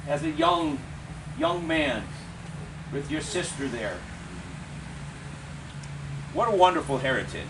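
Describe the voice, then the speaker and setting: A man preaching a funeral eulogy in measured, deliberate short phrases with pauses. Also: a little high. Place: funeral service, speaker away from the mic. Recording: distant mic, clear steady air-conditioning noise.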